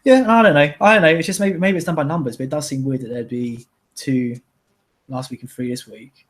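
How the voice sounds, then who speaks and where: A man's voice: on the high side, fairly even intonation, fairly quick. A young man hosting a live stream, chatting casually and giving strong opinions with lots of fillers. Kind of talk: casual chat.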